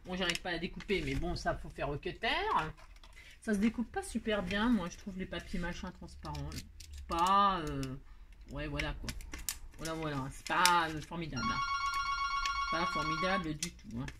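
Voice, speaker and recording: A woman's voice: on the low side, moderate pace, noisy background. Chatty woman rambling through a craft tutorial. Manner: chatty, rambling, self-mocking, addresses viewers directly.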